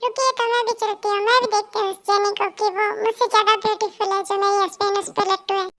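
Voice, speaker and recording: A bold young wife in a fan audio story, teasing and sweetly sarcastic, read by a woman. The voice sits extremely high and bright. She talks in a playful, cheeky way. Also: flat delivery, fast.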